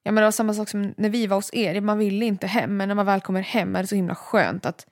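Woman chatting, lots of quick mm's and oh no's, dry close sound. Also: mid-range voice, fairly even intonation, dry recording. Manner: reacts with short interjections and sympathetic asides. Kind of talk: casual chat.

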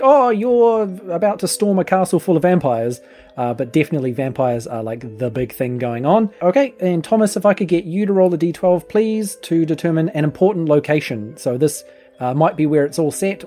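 A man's voice: on the high side, fairly quick, mellow, faint music behind. A man speaking casually as host and game master of a tabletop role-playing podcast.

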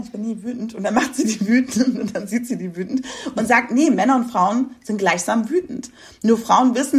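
A woman co-hosting a podcast who explains things in a lively, casual way and laughs easily. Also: mid-range voice. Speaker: podcast co-host. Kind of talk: casual discussion.

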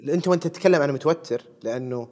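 Rapid-talking podcast host. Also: male voice, a little high, darkish tone. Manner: encouraging, asks probing questions. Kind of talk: casual interview chat.

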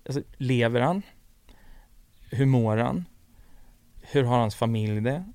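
A man's voice: medium pitch, a little mellow, clear, resonant tone, dry recording. A man, chatting casually and telling a personal story full of fillers and quoted dialogue. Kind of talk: casual chat.

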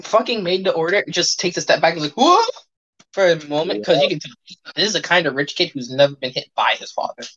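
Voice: mid-range voice, fast talker, a bit bright, slightly rough. A game master narrating a tabletop game casually, in informal, slangy language with some swearing. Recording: dull lo-fi sound.

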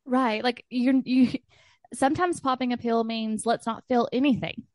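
A woman's voice: a little high, steady tone, moderate pace, a little mellow, dry recording, studio quality. A woman hosting a podcast, candidly sharing personal stories and laughing as she talks. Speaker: podcast host. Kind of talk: podcast conversation.

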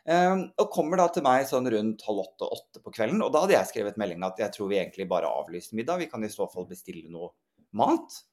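Lively, animated young man telling a story. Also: fairly low pitch. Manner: animated storyteller, acts out quoted dialogue. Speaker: podcast co-host. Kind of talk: casual storytelling chat.

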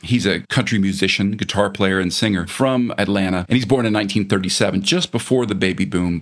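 Middle-aged guy, general american accent, explains things slow and measured, lowish voice. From American South. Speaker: linguist guest. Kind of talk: radio interview answers.

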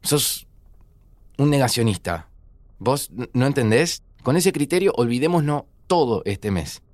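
A man's voice: mid-range voice, lively intonation, measured pace, a little mellow, dry recording, lightly acted. An actor playing a grieving young man with a Rioplatense Spanish accent, tense and sarcastic. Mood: bitter. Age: young adult. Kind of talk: audio drama acting.

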